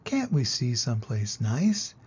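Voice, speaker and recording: An older man with a husky grandpa voice voicing a sulky, blunt young schoolgirl in a children's storybook. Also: mid-range voice, sing-song, a little slow, highs cut off, heavily acted. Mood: questioning, dismayed.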